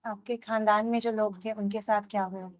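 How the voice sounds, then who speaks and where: A woman interviewer asks short, polite questions with respectful address. Her voice is mid-pitched and plain. It sounds dry and close, with no echo. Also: steady tone, moderate pace, a little mellow.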